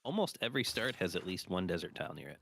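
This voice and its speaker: A man's voice: low-pitched, sing-song, quick pace, creaky, a bit bright, slight background noise. A man co-casting a live strategy game stream, explaining the rules in an upbeat way. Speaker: co-caster.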